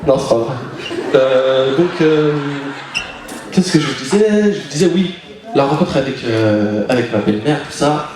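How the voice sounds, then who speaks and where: A young man from France performing stand-up comedy, chatty and animated, now and then putting on character voices. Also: mid-range voice, unhurried. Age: young adult. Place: live comedy venue, audience. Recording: echoey hall, far mic, crowd laughing.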